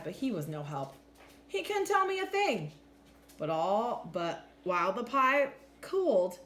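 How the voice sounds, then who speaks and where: A teacher reads a picture book to children in an expressive, deliberate storytelling style. Her voice is medium in pitch, and the recording has a roomy echo with faint background noise.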